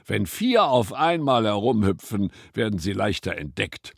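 A man voicing a calm, caring mother hare in a storybook reading. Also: lowish voice, unhurried, gravelly, no room sound, studio quality, pitched above the performer's own voice, heavily acted. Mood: explaining.

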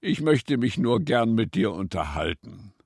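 Man doing a friendly curious bunny voice, kinda loud and bouncy. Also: fairly low pitch, big pitch swings, unhurried, vocal fry, slightly rough, dry recording, clean studio sound, voice pushed up, heavily acted. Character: curious friendly young rabbit.

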